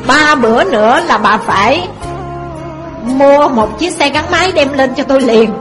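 A woman's voice: high-pitched, animated, unhurried, over music. A woman voicing a spoiled young male student who bluntly threatens his mother. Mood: demanding.

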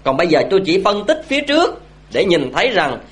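A man's voice: high-pitched, very animated, fast talker. A man giving a Buddhist dharma talk, telling a story and asking his audience questions. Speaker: Buddhist speaker.

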